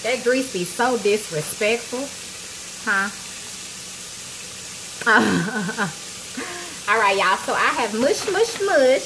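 Chatty and playful, this cooking show host addresses her viewers as y'all during a casual phone livestream from her home kitchen. Her voice sits a little high, with lively intonation, drawn-out words and long pauses. The phone rests on a tripod close to arm's length, and the kitchen is noisy with sizzling frying.

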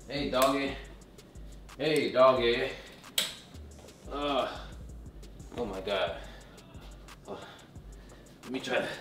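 A man's voice: medium pitch, lightly acted. A man playing a grumpy, exasperated seventy-year-old grandpa, grumbling in a loosely improvised family comedy skit. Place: around a house, indoors and outdoors. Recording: noisy, roomy, distant camera-mic sound.

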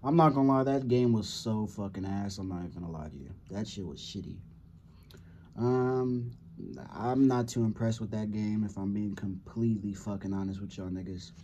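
A man's voice: lowish voice, moderate pace, warm tone, a little hiss or hum. A young man from California giving casual, profanity-heavy reaction commentary on a football game, rambling and slangy. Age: young adult. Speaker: sports reaction video host.

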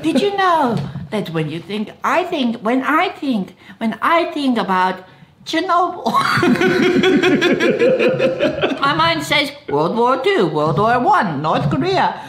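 A woman putting on a mock Russian accent, rambling and giggling through a crude improvised history lesson. Her pitch leaps around and she takes her time. The room is echoey, with steady noise behind her. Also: takes it slowly. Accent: put-on mock Russian accent. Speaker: co-host. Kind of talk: improvised comedy monologue.

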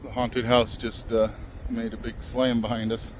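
Here a man with a mid-range voice and normal pace rambles through a casual farm vlog, full of fillers and easygoing. He's outdoors on a ranch among chickens and cows, chatting while doing chores, with slight background noise.

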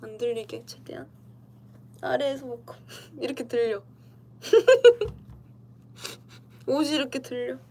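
This idol streamer, a young woman with a Korean dialect, has a high, slightly mellow voice that swings widely in pitch. She speaks slowly and pauses often, giggling and replying to comments while chatting casually from indoors, with a little hiss or hum from her computer livestream mic.

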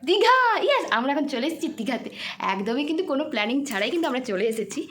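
A woman's voice: fairly high pitch, expressive, very fast, echoey room. A woman, casually vlogging at home and on a family trip, chatting to viewers and cooing at her little daughter. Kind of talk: casual vlog chat.

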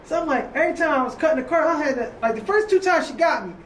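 Man, high voice, rapid animated talker; recorded far off in an echoey room. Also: a little hiss or hum. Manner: rapid, animated storytelling with acted-out quotes. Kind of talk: loud casual banter. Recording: roomy, distant mic with faint ambience.

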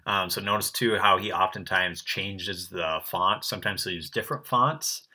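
A man's voice: sits low, normal speed, sharp tone. A young man teaching an art lesson to children, explaining in a friendly way with many ums. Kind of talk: recorded class lesson for kids.

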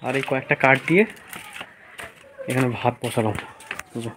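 A man's voice: medium pitch, moderate pace, noisy background. A man, chatting casually to camera in a village home vlog, coaxing and narrating his chores. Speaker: vlogger. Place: rural home, indoors and outdoors.

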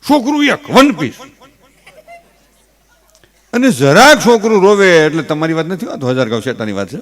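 Folksy Kathiawadi man telling stories on stage. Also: fairly high pitch. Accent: Kathiawadi Gujarati. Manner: folksy, animated storytelling with gestures; earnest advising. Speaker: stage comedian. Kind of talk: humorous stage talk with advice.

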